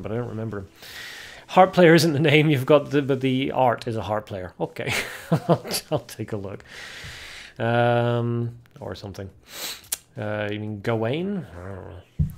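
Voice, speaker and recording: Opening card packs on a laid-back livestream, the young host talks with his viewers and calls out each card's name. His medium-pitched voice is gravelly and a little mellow, at a normal speed.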